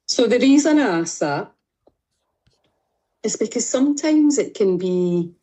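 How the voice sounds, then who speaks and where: A woman's voice: medium pitch, warm tone. A woman with a Scottish accent coaching a group on a video call, speaking directly and reassuringly as she guides exercises. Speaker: fitness and mindset coach.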